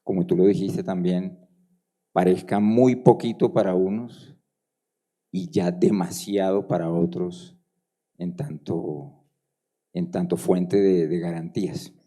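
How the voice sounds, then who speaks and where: Man, audience question, very low voice, very dark tone, deliberate. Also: steady tone. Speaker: audience member asking a question. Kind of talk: question from the floor at a conference.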